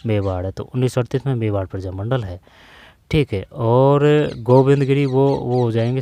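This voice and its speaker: Dark-voiced man tutoring with repeated answers. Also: mid-range voice. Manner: repeats key answers, frequent "theek hai" check-ins. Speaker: exam-prep tutor. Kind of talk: casual exam-prep lesson.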